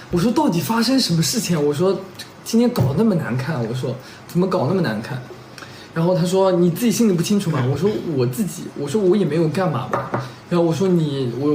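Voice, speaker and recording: Brief: young man, high-pitched and quick, rambling casual storyteller. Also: a little mellow, slight background noise. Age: young adult. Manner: rambling, strings clauses with "and then", checks in with listeners. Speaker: vlogger telling a couple story. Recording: roomy echo.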